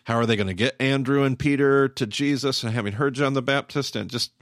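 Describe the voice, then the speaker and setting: A man's voice: mid-range voice, fairly quick, a bit bright, no room sound, clean studio sound. A man co-hosting a podcast, giving casual commentary with emphatic, repetitive phrasing. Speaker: podcast co-host.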